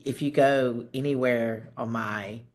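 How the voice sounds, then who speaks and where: A woman hosting a casual podcast interview. Her voice is very low for a woman, and she backs her guest up warmly with quick sassy asides. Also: fairly even intonation. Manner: warm, affirming, sassy asides. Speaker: podcast host. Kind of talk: casual chat.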